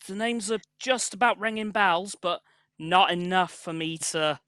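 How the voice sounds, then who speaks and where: Bright high-voiced male podcast host. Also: a little slow, smooth, dry recording, studio quality. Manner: hesitant, laughs off not knowing. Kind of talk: casual chat.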